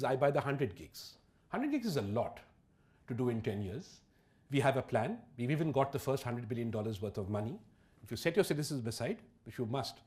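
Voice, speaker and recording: A man giving a public lecture on economics, emphatic and wry, full of rhetorical questions. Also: medium pitch.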